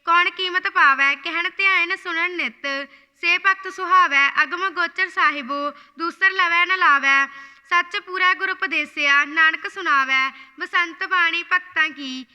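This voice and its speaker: A woman reciting scripture line by line in a slow, measured chant, repeating phrases after correction. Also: extremely high pitch, sharp tone, long reverb tail.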